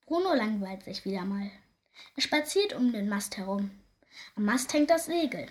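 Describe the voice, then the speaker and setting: A woman with a medium-pitched voice reads a children's story at a moderate pace, bringing it to life with an animated, expressive delivery.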